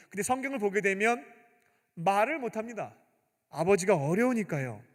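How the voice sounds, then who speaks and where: A man's voice: high-pitched, a bit bright. A male youth pastor preaching a sermon, telling the story and acting out the characters. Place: church sanctuary. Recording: long church-hall reverb.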